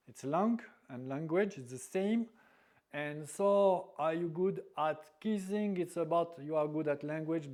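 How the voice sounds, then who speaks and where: A dating advice vlogger, a man whose first language is French, tells a story in a monologue. His voice is a little high with a darkish tone, and he speaks slowly and haltingly, searching for words and restarting often.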